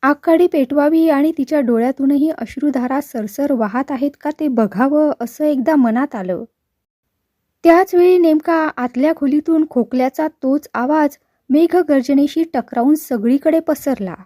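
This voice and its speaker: High-voiced woman reading a story. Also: no echo, clean studio sound. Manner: measured, expressive narration. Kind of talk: reading a short story aloud.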